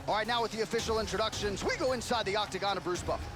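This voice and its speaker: A man's voice: sits high, racing, music in the background. A man giving play-by-play sports commentary on a fight.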